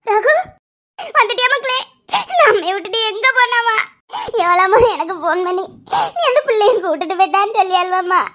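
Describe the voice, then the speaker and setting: Woman playing a worried mother, very high voice, pleading, tearful. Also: a little fast, pushed and bright. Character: anxious village mother, fretting over her son.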